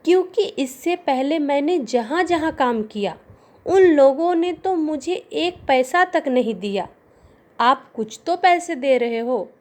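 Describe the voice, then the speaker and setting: A woman's voice: high voice, animated, takes it slowly, a little mellow, pitched above the performer's own voice. A woman reading as a frightened timid maid. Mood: fearful. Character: frightened young female housemaid, timid.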